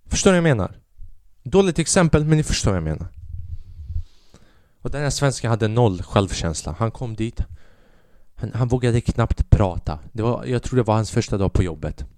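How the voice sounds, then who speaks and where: A young man hosting a podcast, telling a comic, profane story as an animated rant. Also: on the low side, pauses often, dry recording, clean studio sound. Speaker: podcast host. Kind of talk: comedic ranting monologue.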